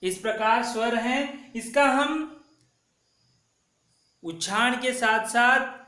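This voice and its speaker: A male teacher giving a children's alphabet lesson, drawing out each letter and word slowly and repeating them for pupils to follow. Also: extremely high pitch, sharp tone. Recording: echoey room.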